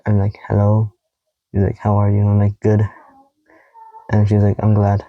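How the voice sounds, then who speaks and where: A young man vlogging casually to camera, reading out old text messages in a rambling, halting way with heavy sighs. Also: fairly low pitch, no room sound, narrow, tinny audio. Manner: quoting text messages in a flat tone.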